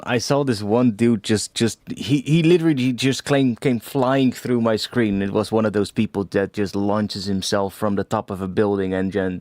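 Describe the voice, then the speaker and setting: A young man hosts a casual livestream, talking in a loose, rambling way peppered with swearing and laughter. His voice sits on the low side. The sound is close and dry, with no room around it. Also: darkish tone, no room sound. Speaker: music producer streamer giving feedback.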